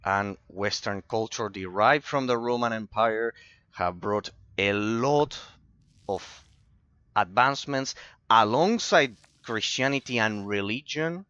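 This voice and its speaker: A man's voice: fairly low pitch, slow pace, pushed and bright, clear, resonant tone, dry recording, dull audio. A man from Argentina, streaming a game while answering chat and rambling about philosophy, often repeating himself. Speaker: gaming streamer. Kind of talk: casual commentary while gaming, replying to chat.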